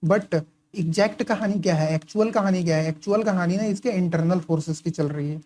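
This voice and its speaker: In a dark, mellow voice, a man tutoring engineering explains course content in an easygoing lecture style. He keeps asking himself questions and answering them, scattering brief check-ins as he writes and highlights his notes.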